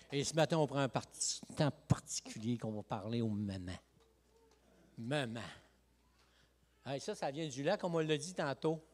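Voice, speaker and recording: A male pastor from Lac-Saint-Jean with a Quebec French accent, giving a lively, joking evangelical sermon full of "hey" and "amen" interjections. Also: fairly high pitch. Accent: Quebec French, Saguenay–Lac-Saint-Jean. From Quebec, Lac-Saint-Jean region. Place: church sanctuary.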